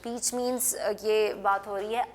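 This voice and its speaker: A woman teaching English words in a television lesson, patiently repeating and spelling each word slowly for learners to copy. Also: medium pitch, fairly even intonation, slight background noise. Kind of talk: classroom lesson with repetition drills.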